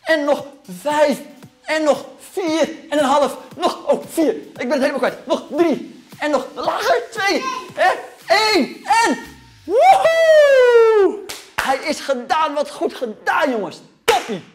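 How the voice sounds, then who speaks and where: Working out alongside the children and slightly winded, this thirty-something coach cheers them on and counts down each rep. His voice is very high and animated, though his pace stays measured. The energetic session takes place in a gym.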